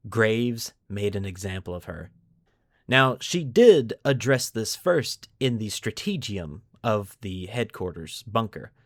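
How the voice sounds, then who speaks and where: With a medium-pitched voice and clean studio sound free of room sound, a man hosts a podcast. He alternates between scripted lore narration and casual commentary, stressing key words dramatically.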